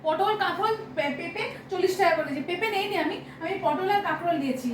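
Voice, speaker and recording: A woman with a West Bengal accent complaining in a casual domestic argument at home, talking quickly with many fillers. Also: extremely high pitch, noisy background. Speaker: vlogger and homemaker. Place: home kitchen. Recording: roomy and distant.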